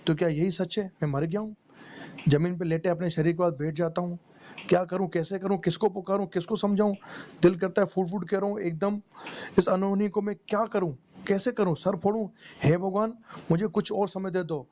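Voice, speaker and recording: A man's voice: high-pitched, steady tone, a little fast, a little mellow. A man, a meditation teacher, narrating a motivational first-person story in an emotional, pleading way. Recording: dull lo-fi recording with faint noise.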